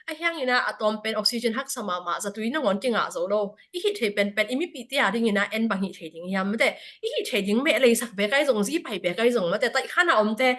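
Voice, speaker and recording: A woman's voice: on the high side, expressive, fast, hardly any pauses, a bit bright. A woman speaking at a church prayer fellowship service, giving a spoken report to the congregation with frequent hesitation fillers.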